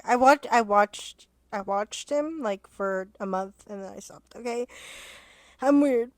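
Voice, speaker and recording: A young woman chats in a loose, rambling way, cutting herself off mid-word and dropping the odd swear. Her voice is mid-pitched and starting to wear thin. The recording is close and dry, with no room sound. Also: no echo. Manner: rambling, self-interrupting, swears and laughs often. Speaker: vlogger. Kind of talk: casual rambling chat to camera.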